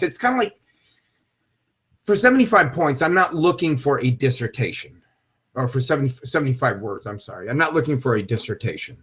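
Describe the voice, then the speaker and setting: A man's voice: fairly high pitch, fairly bright tone. A man teaching a class, rambling with many repeated words and checking whether his students follow. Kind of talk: classroom lecture. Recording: dull lo-fi classroom recording.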